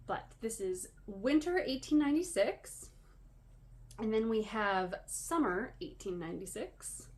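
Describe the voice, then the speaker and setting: A slightly high, lively voice at a measured pace, a little mellow, belongs to a Canadian yarn dyer hosting a casual podcast. She's a bit wheezy and short of breath, meandering through self-deprecating asides over clear background room noise.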